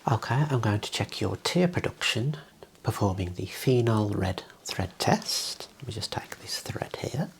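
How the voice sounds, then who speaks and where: An ASMR performer plays a clinician in a medical role play, speaking in a soft, breathy whisper and politely explaining and instructing step by step. The voice is medium-pitched, animated, and unhurried.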